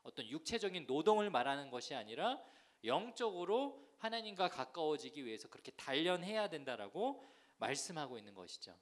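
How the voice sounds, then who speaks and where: A man's voice: fairly high pitch, very animated, brisk. A male youth pastor preaching a sermon to teenagers at a church service, telling the story with animation and leading the congregation in repeating lines.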